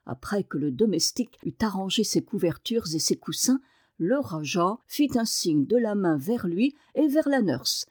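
A woman reading a novel aloud as an audiobook narrator, with measured, expressive narration. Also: medium pitch, breathy edge, no echo, studio quality.

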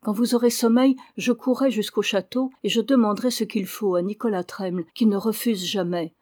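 A man's voice: high-pitched, steady tone, normal speed, darkish tone, no echo. A woman reads as a devoted young woodcutter son, earnest and eager, answering his father plainly. He is simple and loyal, in a storybook read aloud. The sound is close and dry. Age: young adult.

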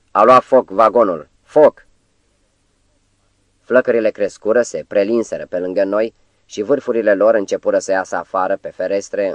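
A man reading a novel aloud as an audiobook narrator, in a steady, measured storytelling manner. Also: fairly low pitch, no room sound. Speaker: audiobook reader. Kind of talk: scripted literary narration.

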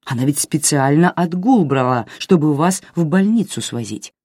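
An audiobook reader voicing a calm, unflappable middle-aged man questioning an old couple. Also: medium pitch, moderate pace, no echo, studio quality, lightly acted. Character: calm middle-aged male investigator posing as volunteer.

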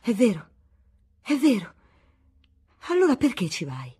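A woman's voice: fairly high pitch, huge pitch swings, unhurried, dark tone, husky, voice pushed up, full character voice. A woman reading the lines of a jealous, pleading young pregnant wife in an audiobook, in an anxious, imploring manner.

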